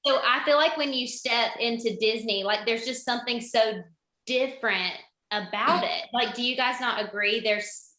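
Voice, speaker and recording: Young woman, podcast co-host, chatty with many fillers, bright slightly high voice, echoey room. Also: normal speed. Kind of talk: casual podcast chat.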